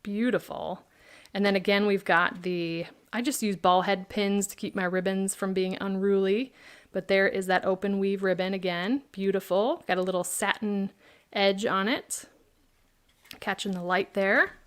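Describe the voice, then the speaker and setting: A woman's voice: mid-range voice, steady tone, measured pace, clear, resonant tone. Female craft demonstrator, casual livestream host, chatty and friendly with viewers. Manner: chatty, answers viewer questions by name. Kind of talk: live product demo chat.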